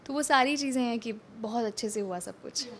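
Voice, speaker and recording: Young actress guest, slightly high pitch, chatty and rambling with restarts. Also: female voice, a little fast. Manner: chatty, mixes English into her talk, many restarts. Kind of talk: casual interview chat.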